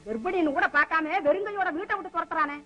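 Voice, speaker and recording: An actress playing a sharp-tongued scheming aunt in an old film, taunting and scolding. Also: female voice, very high voice, quick pace, over loud music. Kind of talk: 1960s film acting.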